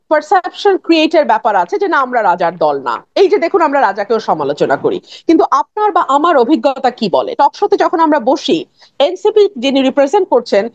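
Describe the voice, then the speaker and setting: A woman, a guest on a political talk show, arguing her points forcefully and dropping in English phrases. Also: sits high, no room sound, muffled recording.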